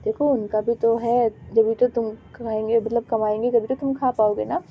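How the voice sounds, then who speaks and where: A woman's voice: a little high, little pitch movement, normal speed, highs cut off, slight background noise, natural voice. A woman voicing a caring, fussy middle-aged mother who coaxes and scolds, in a storybook reading. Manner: warm but scolding, motherly.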